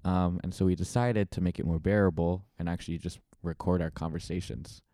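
A man's voice: low voice, fairly even intonation, a little fast, warm tone, dry recording, clean studio sound. A young man co-hosting a casual podcast from home, rambling and laughing often. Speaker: podcast co-host. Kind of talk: casual chat. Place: home bedroom.

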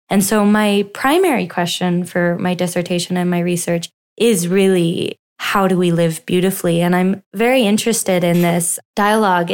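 A young woman with a slightly low voice answers interview questions as a doctoral researcher. She explains ideas articulately and with animated emphasis. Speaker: guest, philosophy doctoral researcher.

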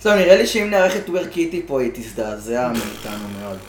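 A man co-hosting a podcast in casual banter, often trailing off softly at the ends of his lines. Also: medium pitch, very animated, echoey room. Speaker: podcast co-host.

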